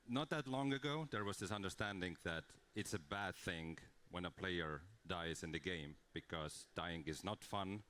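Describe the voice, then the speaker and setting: A game creative director from Estonia gives a conference talk, earnest and explanatory with frequent fillers and restarts. His voice is low yet fairly bright in tone.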